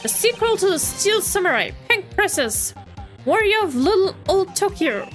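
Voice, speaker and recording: A woman's voice: very high-pitched, sing-song, moderate pace, fairly bright tone, soft background music, pitched above the performer's own voice, exaggerated voice. A woman reading a boastful, sneering nerdy male TV director in a video game, talking in slang.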